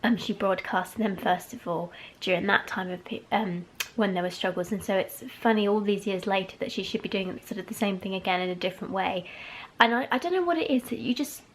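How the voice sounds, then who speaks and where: A woman's voice: medium pitch, brisk, slight background noise, rough recording. Chatty young woman vlogging. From England. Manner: chatty, rambling, self-correcting. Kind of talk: casual personal vlog. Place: home and garden.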